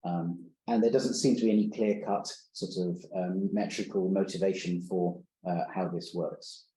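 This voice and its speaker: A man's voice: low voice, fairly even intonation, normal speed, dark tone. A man giving an academic conference talk, hesitant, with many fillers and restarts. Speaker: conference speaker. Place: lecture room. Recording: roomy lecture hall recording.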